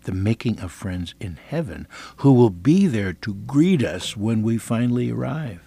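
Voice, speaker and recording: A man's voice: on the low side, animated, a little slow, gravelly, warm tone, husky, no room sound. An American man preaching conversationally on the radio, reading scripture and repeating key phrases with emphasis. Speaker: preacher hosting a radio teaching program.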